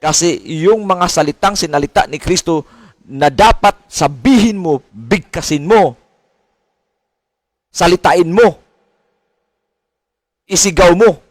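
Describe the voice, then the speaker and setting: A man's voice: a little high, very animated, takes it slowly, long pauses, no echo. A middle-aged man preaching a sermon as a pastor, asking questions and mimicking complaints. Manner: preaching with rising questions and mimicked complaints, mixing English phrases.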